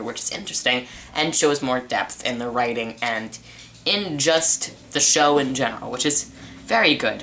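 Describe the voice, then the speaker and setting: A man's voice: medium pitch, sharp tone, slight background noise. A young man giving a casual spoken review of a TV season, rambling with restarts and fillers. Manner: rambling, repeats himself with many restarts and uh fillers. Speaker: TV show reviewer.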